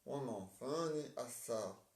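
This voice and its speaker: A man acting out a comic play and switching between roles, halting and stammering as he repeats his words. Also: mid-range voice, lively intonation, a little mellow. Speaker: amateur stage performer. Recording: roomy, distant mic.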